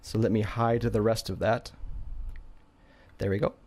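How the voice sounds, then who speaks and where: Man, lowish voice, casual online tutor; loose, unscripted delivery with fillers and restarts. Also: flat delivery, unhurried, darkish tone. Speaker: language teacher. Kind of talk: screen-share language lesson.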